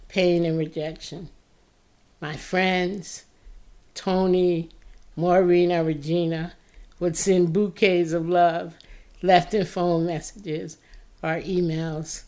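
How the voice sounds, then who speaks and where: A woman host reading a personal, reflective first-person narration, earnest and unhurried, her voice sounding tired. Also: fairly low pitch. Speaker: podcast host.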